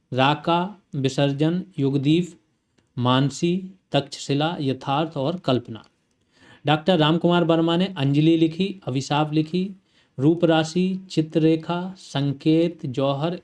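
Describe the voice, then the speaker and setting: A man's voice: fairly high pitch, slow, darkish tone. A male teacher giving an online exam-prep lecture, reeling off lists of titles and lifting his voice on questions to the class.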